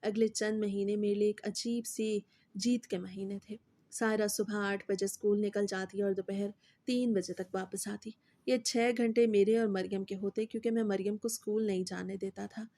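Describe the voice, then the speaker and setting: Mellow-voiced woman narrating a story. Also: medium pitch, steady tone, no room sound. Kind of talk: scripted narration.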